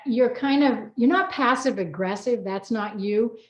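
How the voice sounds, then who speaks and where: Her fairly high voice moves at a measured pace as this middle-aged co-author hosts a casual, unrehearsed personal chat. The talk is chatty and meandering, captured in a dull, roomy lo-fi recording.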